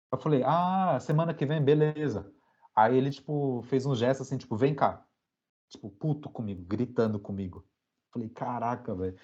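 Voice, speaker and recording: Guest spot: young Brazilian man, loose slangy storyteller, mid-pitched voice, dull lo-fi line. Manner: relaxed slangy storytelling with many fillers. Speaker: podcast guest. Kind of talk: casual storytelling interview.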